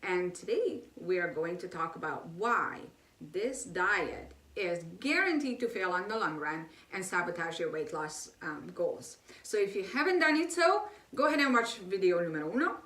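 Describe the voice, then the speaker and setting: A woman who hosts her own health channel gives a chatty lecture on diet science, full of rhetorical questions and fillers. Her voice is lowish and sing-song, fairly bright, at a moderate pace. She sounds far from the mic in a roomy space.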